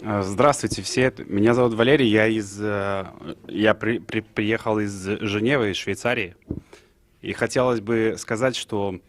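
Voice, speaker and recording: Casting: man, fairly low voice, halting and unprepared, speaking to a group with noise behind him. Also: steady tone. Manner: hesitant, halting, clearing throat. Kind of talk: impromptu address to a group. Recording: clearly noisy live room recording.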